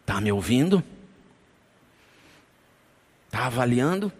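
A man preaching a sermon, telling a personal story with emotion, dramatic pauses and touches of humor. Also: mid-range voice, very animated, husky. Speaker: pastor.

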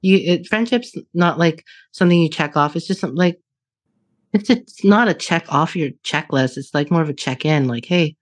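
A woman's voice: deep voice, animated, normal speed, no room sound. A woman in her late thirties, a podcast guest in casual chat, who swears freely, laughs often and restarts her sentences. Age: 30s.

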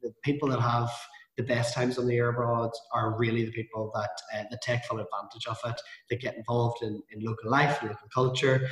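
A man giving reflective, measured answers as a guest in a casual interview. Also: medium pitch, flat delivery. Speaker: podcast guest. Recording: roomy echo on the voice.

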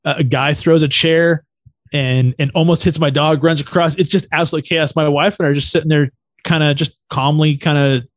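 A man, a stand-up comedian guest, telling anecdotes in a casual, slangy, animated way. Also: on the high side, brisk, dry recording. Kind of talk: casual storytelling.

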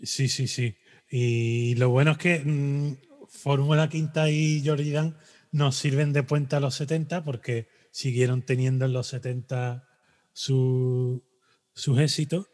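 A man's voice: mid-range voice, takes it slowly. Joking man in a casual chat. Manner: animated, joking, trails off into fillers. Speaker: podcast co-host.

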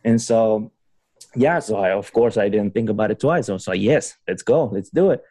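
This podcast guest is a young man from Honduras doing a PhD, and his interview is loose and chatty, packed with fillers, restarts, and frequent laughter. He speaks at a normal speed in a mellow voice that sits on the low side, with no room sound.

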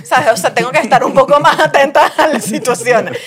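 A Venezuelan woman hosting a podcast in casual, animated chat, often laughing as she talks. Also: high-pitched, brisk, crowd noise. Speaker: podcast host.

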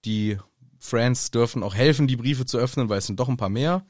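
A man co-hosting a casual podcast, animated and quick to get worked up and joke. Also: medium pitch, no room sound, clean studio sound. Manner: animated, gets worked up, jokes. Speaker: podcast co-host. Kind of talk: casual chat about a book.

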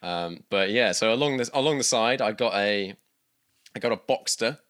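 A man's voice: on the low side, moderate pace, a bit bright. A man from the UK in his thirties, chatting casually as a guest, rambling with many restarts and fillers. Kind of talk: casual interview chat.

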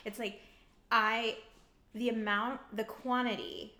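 A woman co-hosting a podcast, teasing and animated in casual storytelling. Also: fairly high pitch, slow pace. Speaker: podcast co-host. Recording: roomy echo.

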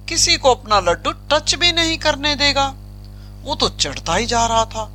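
A woman narrating a children's story in an expressive way, acting out each character. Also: fairly high pitch.

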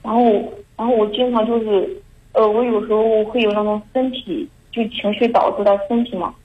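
Anxious young woman halting on a muffled line. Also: a little high, fairly even intonation. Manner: halting, anxious, many restarts. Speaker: caller. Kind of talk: call-in confession.

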